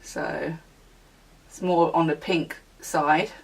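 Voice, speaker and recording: A woman beauty vlogger in a relaxed, chatty product review, with plenty of ums and small self-corrections. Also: low voice, slow pace, gravelly, slightly rough, recorded from a distance. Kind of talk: casual product review chat.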